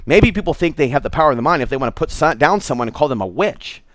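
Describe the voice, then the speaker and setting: Fast and animated, this higher-pitched male voice belongs to the middle-aged American host of an online show. He rambles off the cuff to his viewers, wandering from thought to thought in a candid, confiding way, with no echo on the recording.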